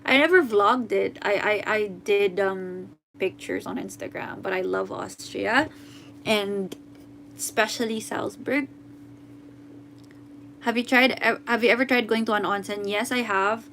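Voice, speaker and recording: A woman's voice: medium pitch, gravelly, fairly bright tone. A young woman with a Filipino accent talks casually on a livestream, reading comments aloud and mixing in Tagalog. She often stops and corrects herself, and a faint hum runs underneath. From Philippines. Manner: chatty, switches between English and Tagalog, often halting and unsure. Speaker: musician hosting a livestream.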